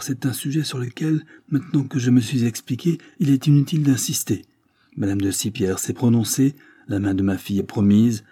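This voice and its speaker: A man's voice: fairly low pitch, mellow, husky, dry recording, studio quality. A man voicing a wounded, dignified noblewoman in a storybook reading, speaking with impassioned reproach. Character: wounded noble mother, firm and bitter.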